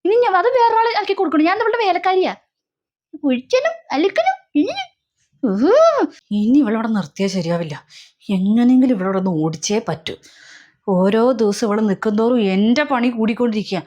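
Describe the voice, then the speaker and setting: A woman's voice: very high-pitched, huge pitch swings, moderate pace, darkish tone, pitched above the performer's own voice, exaggerated voice. Woman doing a grumbling scheming aunt. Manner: grumbling, bossy. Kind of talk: comic family skit.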